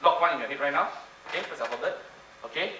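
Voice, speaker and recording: Amid audience laughter and room ambience, picked up by a distant mic in a roomy hall with background noise, a man gives a playful conference talk built around a mind-reading trick. In a slightly high voice at a quick pace, he coaxes listeners to join in and repeats his phrases.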